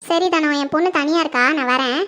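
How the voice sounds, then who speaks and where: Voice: high voice, fast. A performer doing a gracious wealthy mother. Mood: gracious, calm. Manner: calm, gracious and reassuring. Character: wealthy, kind middle-aged mother seeking a bride. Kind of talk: home-made Tamil family skit acting.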